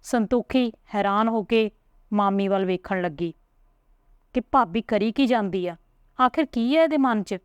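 A woman narrating a family story in a calm, even reading manner. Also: medium pitch, measured pace, clean tone, no echo, clean studio sound.

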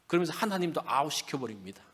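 A man's voice: fairly high pitch, very animated, racing, a bit bright, husky. Pastor guy in a church sanctuary, big echoey hall, talks to the congregation like a chat. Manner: conversational preaching, asks the congregation questions. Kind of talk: sermon. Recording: long reverb of a church hall.

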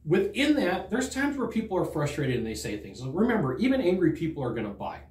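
Animated middle-aged man, sales trainer. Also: fairly high pitch, brisk, echoey room. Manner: animated, conversational, acts out customer quotes. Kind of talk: direct-to-camera training talk. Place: studio in front of a green screen. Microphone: fixed camera, standing at a desk.

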